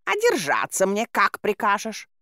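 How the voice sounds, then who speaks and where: A woman's voice: mid-range voice, huge pitch swings, unhurried, pushed and bright, no echo, heavily acted. A woman voicing a proud, indignant talking tomcat with a touchy manner, in a dry recording.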